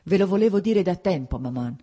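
Audiobook: woman voicing a sensible young wife, low husky voice. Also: brisk. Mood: earnest. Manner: calm, wry. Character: sensible young married daughter, dry and calm.

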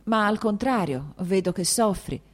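A woman voicing a gentle, patient elder sister who speaks in a soothing, earnest way in an audiobook. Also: mid-range voice, animated, measured pace, pitched above the performer's own voice. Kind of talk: audiobook dialogue acting.

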